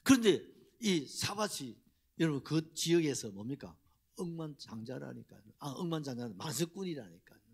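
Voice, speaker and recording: A man's voice: on the high side, sing-song, moderate pace, breathy edge. A middle-aged man, preaching a Sunday sermon in a church and putting rhetorical questions to the congregation. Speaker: pastor. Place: church sanctuary.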